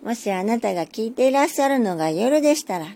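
A woman reading a children's fairy tale aloud in a gentle, soothing bedtime manner. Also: on the high side, lively intonation, fast talker. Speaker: storyteller.

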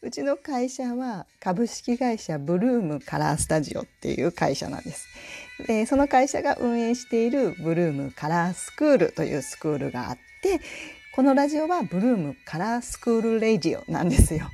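Chatty woman from Tokushima, lively pitch. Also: fairly quick, creaky, soft background music. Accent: Tokushima and Kansai mix. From Tokushima, Japan. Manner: chatty, animated, laughs often. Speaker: podcast host and color school head. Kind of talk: casual solo radio talk.

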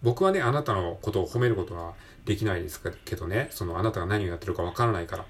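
Deep and husky, with lively intonation, a man from Japan rattles off a rapid-fire solo podcast. It's a casual motivational chat, warm and encouraging, in which he often checks in to see if the listener agrees.

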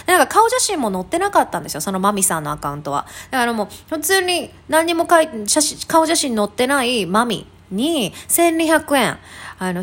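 A woman in her thirties, hosting a casual talk show and telling a funny story with many fillers and laughs. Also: a little high. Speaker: podcast host. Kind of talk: casual chat.

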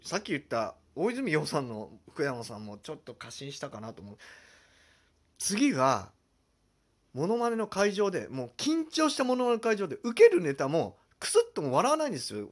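A man hosting a solo comedy talk show, lively and self-deprecating as he explains his impressions. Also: on the high side. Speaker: podcast host.

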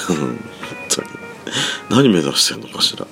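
A man with a very deep, raspy voice, still thick with sleep, rambles through a casual solo talk from his room at home. His pitch swings widely as he drifts from thought to thought with soft, feminine sentence endings. A faint bed of background music plays behind him. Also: very animated, slow. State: sleepy just-woken voice. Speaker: solo podcast host. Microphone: phone app mic set back from the mouth.

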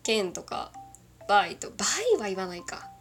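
A woman's voice: medium pitch, steady tone, moderate pace. A woman from Kagoshima with a mixed northern Kyushu accent, rambling through a casual solo chat and giggling often. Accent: northern Kyushu Japanese. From Kagoshima, Japan.

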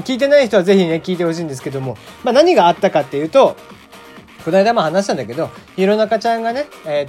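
A man's voice: high voice, darkish tone. A man in his forties from Kagoshima, hosting his own podcast in a rambling, chatty monologue full of fillers and little chuckles. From Kagoshima, Japan. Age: 40s. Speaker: solo podcast host. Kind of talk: casual radio-style monologue.

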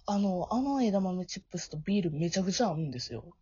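A hoarse, hungover woman with a booze-roughened whiskey voice, hosting a casual podcast chat. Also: lowish voice, expressive, fast talker, warm tone, no echo. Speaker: podcast host. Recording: dull, muffled lo-fi audio.

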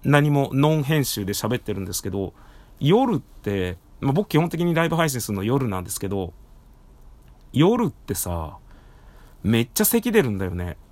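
A man with a hoarse, worn-out throat chatting casually on his own as a podcast host, speaking slightly muffled through a face mask. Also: medium pitch, big pitch swings, moderate pace, darkish tone, no room sound. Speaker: podcast host and live streamer. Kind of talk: casual solo talk. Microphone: recorded through a face mask.

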